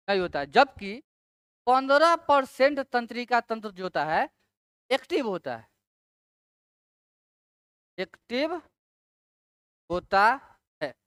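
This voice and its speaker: A woman lectures on exam-prep science in a fairly high, smooth and resonant voice. The sound is dry and close. She drags out key terms syllable by syllable and asks her students rhetorical questions to check they follow. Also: fairly bright tone, dry recording. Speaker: teacher.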